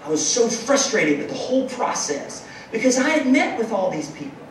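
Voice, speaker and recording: A man's voice: very high voice, very animated, normal speed, slight background noise. A man telling his startup story in a conference talk, emphatic and punctuating his points with "okay?". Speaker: startup founder giving a talk. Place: large conference room with audience. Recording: very echoey hall, distant mic.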